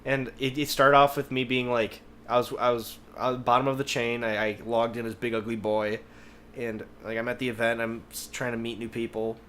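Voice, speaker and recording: A podcast co-host tells rambling anecdotes in casual chat, swearing freely. His medium-pitched voice is level, brisk and a bit bright, with noticeable background noise in the recording.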